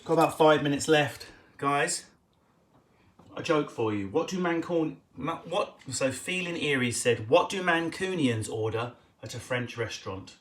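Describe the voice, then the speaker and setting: An English comedian with an Essex accent hosts a live Q&A stream from indoors at home, doing casual improvised stand-up as he answers viewers' questions. His voice is a little high and expressive, cheeky and quick, with loud bursts and muttered asides.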